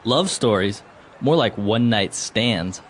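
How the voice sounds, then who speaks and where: A man's voice: on the low side, lively intonation, takes it slowly, a little hiss or hum, voice pushed down. A man voicing a sarcastic, insulting boyfriend in a scripted lesson dialogue, with a mocking, cutting delivery.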